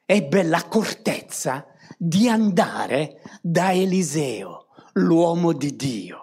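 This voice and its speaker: A woman's voice: low voice, very animated, drawn-out words, warm tone, breathy edge. A woman preaching a sermon to a congregation, often tagging on rhetorical questions to draw her listeners in.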